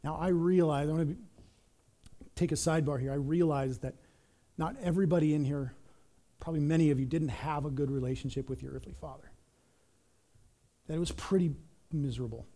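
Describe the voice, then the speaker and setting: A middle-aged man preaching a sermon as pastor, telling stories in an animated way and often repeating words. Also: a little high, a little fast, pauses often. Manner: animated storytelling, repeats words, acts out quotes.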